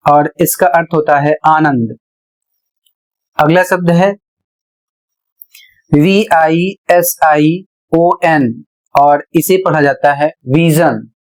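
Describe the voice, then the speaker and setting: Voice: medium pitch, darkish tone, low-quality recording. A teacher with a Hindi accent, giving a pronunciation lesson, spelling out words letter by letter and then reading them aloud. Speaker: English teacher.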